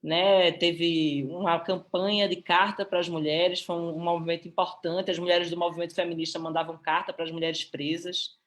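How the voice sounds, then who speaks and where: A woman's voice: fairly low pitch, little pitch movement, moderate pace, hardly any pauses. A Brazilian woman presenting a publication on a live stream, speaking in a heartfelt, emotional way. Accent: Brazilian Portuguese.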